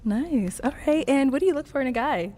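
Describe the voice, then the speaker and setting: A woman's voice: sits high, lively intonation, dark tone. Upbeat woman hosting a dating show. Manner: upbeat, brief questions, quick to laugh.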